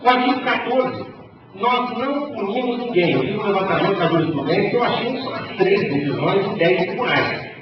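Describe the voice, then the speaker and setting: A Brazilian-accented man speaks from a panel at a conference, his high and animated voice rising and falling as he spins wry anecdotes. He sounds distant from the microphone, and his words ring through a big reverberant hall. The recording is muffled and carries a steady hiss of noise. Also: normal speed. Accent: Brazilian Portuguese. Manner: lively storytelling, wry humour. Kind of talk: conference lecture. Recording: echoey hall, distant dull mic, noisy.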